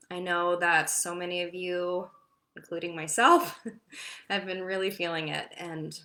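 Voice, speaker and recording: A woman meditation teacher talking casually and reassuringly before a guided meditation, gentle, with frequent sighs. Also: lowish voice.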